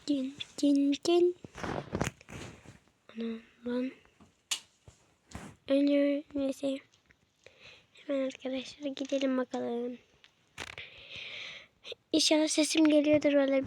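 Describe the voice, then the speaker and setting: A man putting on a girly female voice while giving casual gameplay commentary, excitable, cursing at the game and chatting to viewers. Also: very high-pitched, slow, long pauses, a little hiss or hum. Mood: playful. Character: girly female voice put on by a male gamer. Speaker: gaming streamer.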